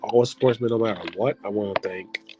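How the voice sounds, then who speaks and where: A man's voice: fairly low pitch, fairly even intonation, quick pace. A man hosting his own online show, rambling through heartfelt thank-yous in a casual farewell video, with some swearing. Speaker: online league host signing off.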